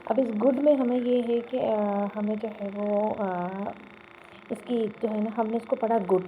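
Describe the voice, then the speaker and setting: Over phone-quality sound with a little background noise, a woman with a slightly high voice and fairly even intonation teaches beginners to read the Quran. She's patient, asks them to repeat, and keeps checking with "theek hai?".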